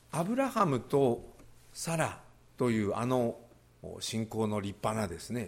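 Animated male pastor preaching. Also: medium pitch. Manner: animated, rising emphasis on key phrases. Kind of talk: sermon.

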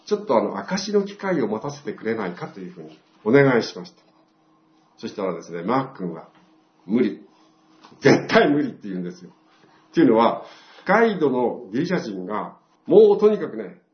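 An older man giving a church testimony, telling his story and acting out the dialogue. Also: mid-range voice. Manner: storytelling, acts out quoted dialogue. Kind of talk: testimony talk to a congregation. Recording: roomy, dull lo-fi sound.

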